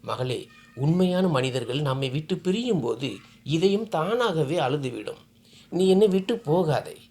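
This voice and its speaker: A loving old mother, tearful and pleading, as a woman reader puts her on, her voice rising and falling in wide swings. She speaks in a storybook tale with warm, emotional appeals. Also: sits low, lively intonation, unhurried. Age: older.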